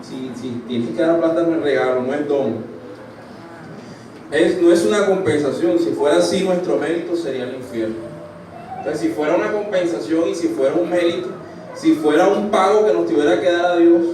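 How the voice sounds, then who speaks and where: A man preaching a sermon to his congregation, often asking them "right?" and breaking off to restart his sentences. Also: fairly high pitch. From Colombia. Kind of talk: church sermon. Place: church hall. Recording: very echoey church hall, distant mic, room noise.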